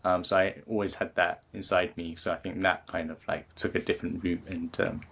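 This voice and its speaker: Guesting in a relaxed interview, an English creativity coach in his thirties speaks with a British accent in a very low register. He talks a little fast with little pitch movement and a slightly bright tone, often stopping, restarting and filling gaps.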